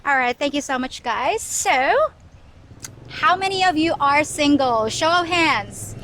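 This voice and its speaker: High-voiced playful woman host. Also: expressive, a little slow, bright, forceful tone, slight background noise. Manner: playful, teasing questions. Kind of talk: casual street interview.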